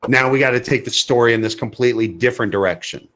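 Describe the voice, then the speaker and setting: A man co-hosts a podcast in casual chat, speaking fast in a mid-range, fairly bright voice. He offers blunt opinions emphatically and often repeats words as he builds a point.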